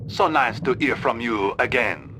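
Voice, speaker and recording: A man doing a pompous French deep-sea explorer. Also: lively intonation, bright, forceful tone, a little hiss or hum, low-quality recording. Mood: grandiose. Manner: grandiose, slow dramatic narration. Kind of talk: comedy radio sketch.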